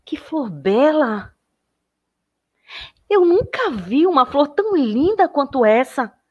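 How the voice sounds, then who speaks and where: A woman voicing a gentle male traveler who admires and comforts a little bird, speaking slowly and effusively in a storytelling voice. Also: sits high, big pitch swings, dull audio, voice pushed up, exaggerated voice. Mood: admiring. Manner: effusive, slow and exclaiming.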